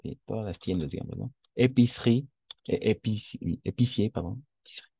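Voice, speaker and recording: A man's voice: on the low side, brisk, vocal fry, dark tone, breathy edge, dry recording. A man teaching French in an online class, patiently explaining and modeling pronunciation.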